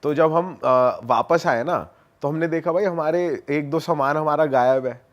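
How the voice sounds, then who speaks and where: A man chatting casually on a podcast, sharing a quick anecdote with a laugh. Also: a little high, dull audio.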